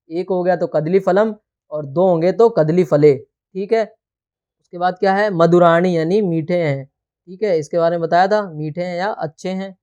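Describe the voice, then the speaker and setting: A man's voice: sits high, warm tone, clear, resonant tone, highs cut off. A man teaching a textbook lesson, explaining words one by one and checking in often with "theek hai". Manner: explains terms slowly word by word.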